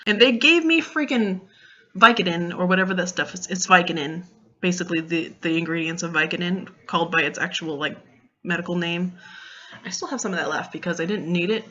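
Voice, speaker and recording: A young woman chatting casually in a vlog, retelling a story in an animated way with lots of fillers and quoted dialogue. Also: on the low side, fairly quick, highs cut off. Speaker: vlogger.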